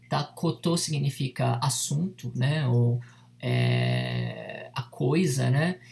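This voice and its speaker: A Japanese teacher leads an online lesson. The voice has a gravelly, fry-edged texture. The delivery is patient, with each word repeated slowly and steady check-ins with the learner. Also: mid-range voice.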